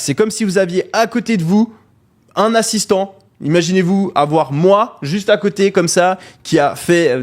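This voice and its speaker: A man hosting a live online course, talking energetically to viewers in the chat, with frequent hesitations. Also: sits high. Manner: excited, calls out to viewers; many fillers and hesitations. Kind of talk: energetic live webinar pitch.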